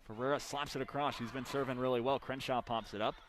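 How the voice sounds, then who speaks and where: Calling a volleyball match live for radio, this young man speaks fast with a medium-pitched, steady voice. His clipped, punchy delivery builds on the big plays, and the sports arena hums behind him.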